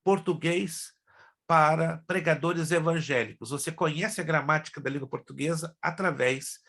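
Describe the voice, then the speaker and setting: A middle-aged Brazilian pastor, whose first languages are Hebrew and Spanish, teaches an online class in a chatty style, speaking directly to his students. His voice is fairly high and a bit bright, with vocal fry, at a normal speed.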